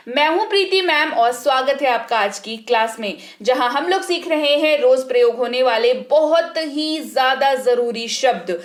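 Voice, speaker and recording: A woman English teacher explaining words slowly and clearly, spelling them out letter by letter. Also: high voice, reverberant. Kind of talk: spoken English lesson.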